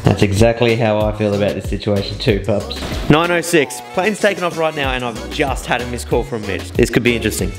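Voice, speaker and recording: A man's voice: medium pitch, expressive, a little fast, few pauses, over music. An Australian man in his thirties in casual, joking, sweary vlog chat, filmed at arm's length. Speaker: vlogger. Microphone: handheld camera at arm's length.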